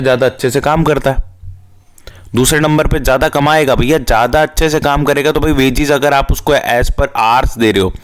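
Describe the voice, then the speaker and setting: Young guy teacher, chatty, asks himself questions, mid voice. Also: mid-range voice. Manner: chatty, asks and answers his own questions; slows to dictate English headings. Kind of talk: Hindi-English lecture for school students.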